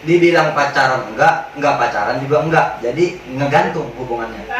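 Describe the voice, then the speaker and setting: A man teaching Quran recitation rules in casual slang, joking with his class and chanting drawn-out examples. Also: a little high. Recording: very echoey hall, mic at a distance.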